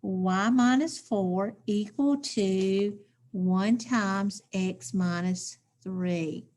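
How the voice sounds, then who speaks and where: Slow, patient woman teaching math. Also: mid-range voice, a little mellow. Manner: talks through steps aloud, checks in with "okay?". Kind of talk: recorded math lesson.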